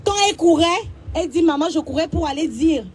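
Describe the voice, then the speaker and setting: A woman, a mother giving a personal account with halting restarts and bits of acted-out dialogue. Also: high voice, mellow, a little hiss or hum. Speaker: mother telling what happened to her daughter. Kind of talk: emotional personal testimony.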